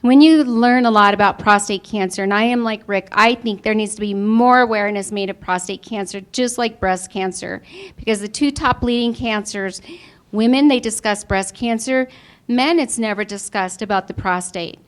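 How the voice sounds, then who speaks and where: A woman's voice: medium pitch, normal speed. A woman giving an earnest personal testimonial to an audience, her voice sometimes tearful. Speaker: insurance member giving a testimonial. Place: before a live audience.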